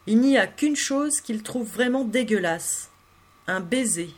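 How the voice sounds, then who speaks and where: Female audiobook narrator, slightly high voice, intimate and expressive first-person literary reading. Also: a little slow. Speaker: audiobook reader.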